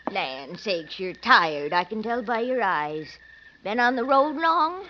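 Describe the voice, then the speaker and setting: A woman's voice: mid-range voice, big pitch swings, takes it slowly, slight background noise. A folksy, meddling old farm landlady. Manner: folksy, exclaims "land sakes". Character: fussy older farm landlady, sharp and meddling. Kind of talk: 1940s radio acting. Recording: dull old radio recording.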